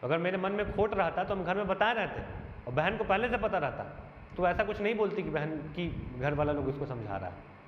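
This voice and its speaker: A man with a fairly high voice lays out his case as a teacher, earnest and aggrieved, one point after another. The sound is roomy, with a long reverb tail, muffled in tone, and a faint hiss runs underneath. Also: expressive, a little fast. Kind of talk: defending himself in a monologue. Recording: echoey dull room sound, faint noise.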